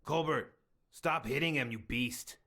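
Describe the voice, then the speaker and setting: A man's voice: mid-range voice, measured pace, bright, forceful tone. A man voicing a menacing, mocking henchman who bosses thugs around in a noir crime game. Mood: mocking, in charge.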